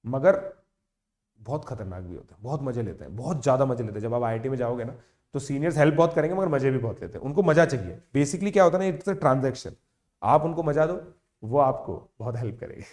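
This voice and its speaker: A man in his thirties, an educator, tells a motivational story to online students in a casual, animated way. He mixes English words into his Hindi and checks in with listeners again and again. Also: mid-range voice, a little fast. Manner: chatty, animated, with frequent "theek hai" check-ins.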